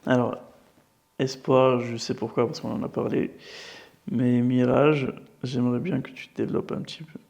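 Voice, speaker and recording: A woman interviewer asking short questions and gently coaxing her guest in a casual interview. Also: a bass voice, fairly even intonation, moderate pace, vocal fry, muffled recording.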